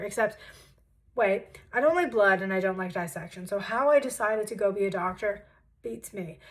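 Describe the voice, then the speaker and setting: A woman in her twenties telling her story in a casual vlog from her childhood bedroom, chatty and self-deprecating with animated asides. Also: mid-range voice, low-quality recording. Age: 20s. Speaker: vlogger.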